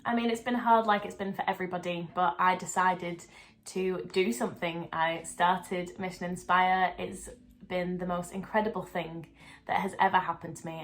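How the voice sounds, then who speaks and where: A woman's voice: lowish voice, fairly bright tone, rough recording. A young woman, a dancer and choreographer answering viewer questions in a chatty, upbeat vlog and laughing often. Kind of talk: casual Q&A vlog.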